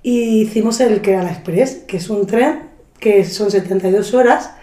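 Fields: Sex: woman. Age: 30s. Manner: lively, profane storyteller. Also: mid-range voice, normal speed. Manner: animated, acts out quoted voices, swears freely. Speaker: podcast guest. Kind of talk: casual storytelling chat. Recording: roomy echo.

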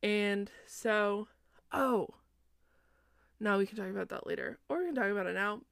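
A woman's voice: medium pitch, moderate pace, vocal fry, fairly bright tone, no echo, studio quality. A young woman casually retelling a story to her viewers, chatty and profane, acting out the characters' lines as she goes.

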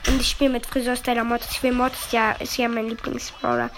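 Excitable high-voiced young female gamer. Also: fast talker, vocal fry, very noisy. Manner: excitable, shouts in bursts of joy. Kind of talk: excited gaming commentary. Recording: game music behind.

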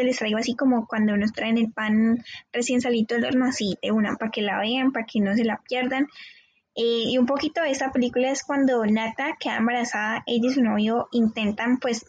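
A woman's voice: fairly high pitch, slightly rough, no room sound. An enthusiastic woman co-hosting a show and recommending films informally. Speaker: co-host of a film show. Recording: dull, lo-fi audio.

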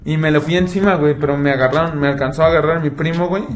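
A man's voice: fairly high pitch, steady tone, very fast, faint music behind. A young adult man with a Mexican accent telling a long, profane, slang-filled story in casual chat. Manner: slangy, profane, says "güey" constantly.

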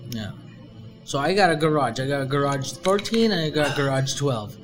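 A man in casual chat, rambling and animated, his voice jumping up when he gets excited. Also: mid-range voice, brisk, faint music behind.

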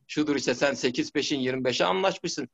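A man's voice: on the high side, brisk, vocal fry, a bit bright, muffled recording. A middle-aged man, a former footballer, telling stories in a rambling way, with many restarts and "tamam mı?" checks. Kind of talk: casual storytelling interview.

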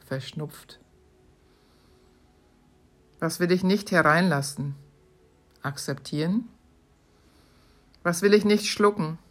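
Slow, calm woman reading aloud. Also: fairly low pitch. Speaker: podcast host. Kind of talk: reading aloud from her own book.

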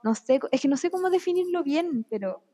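A young woman with a Chilean accent and a high voice. She talks in a casual chat, hesitant and often searching for the right words. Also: expressive, brisk, warm tone.

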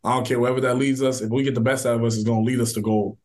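A young man talking quickly about his game in a loose interview chat. His voice sits at an ordinary pitch, and he rattles through his answers with casual fillers and restarts. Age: young adult. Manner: relaxed, filler-heavy, quick talk. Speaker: college football player.

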